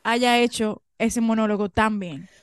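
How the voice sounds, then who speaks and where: A woman's voice: a little high, fairly even intonation, a little slow, clean tone, dry recording, studio quality. A woman, co-hosting a gossip podcast and recapping with emphatic enthusiasm. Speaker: podcast co-host. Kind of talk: casual gossip chat.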